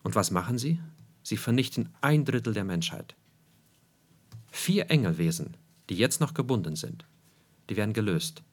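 A male preacher delivers an emphatic sermon, repeatedly returning to key phrases and asking his listeners rhetorical questions. His pitch swings widely from high, forceful points to low, quiet drops. He's animated, speaks at a normal speed with long pauses, and his voice has a breathy edge.

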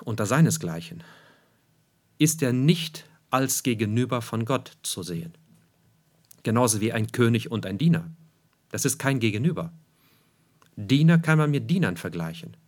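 A man's voice: mid-range voice, big pitch swings, moderate pace, long pauses. A man preaching a sermon, emphatic, repeating key phrases for weight and asking his listeners rhetorical questions.

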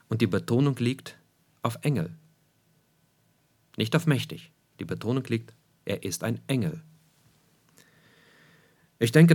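A male preacher delivering a sermon in an emphatic way. He keeps returning to key phrases and puts rhetorical questions to his listeners. His pitch swings widely between high, forceful points and low, quiet drops.

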